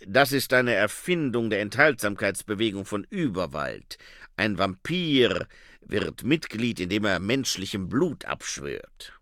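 A man's voice: on the low side, very animated, a little slow, a bit bright, dry recording, clean studio sound, full character voice. A man voicing a thin, nervous, polite male vampire photographer in an audiobook. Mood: reassuring.

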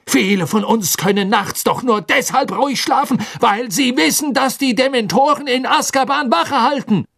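Man playing a shrill, pompous minister. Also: moderate pace, vocal fry, no echo, studio quality, full character voice. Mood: indignant. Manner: shouting and indignant. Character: pompous, stubborn male minister, indignant.

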